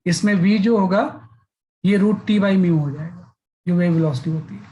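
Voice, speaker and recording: A man's voice: sits high, normal speed, dark tone, highs cut off. Man, physics teacher, classroom lecture, explains step by step, frequent check-ins. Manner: explains step by step, repeats filler "है ना".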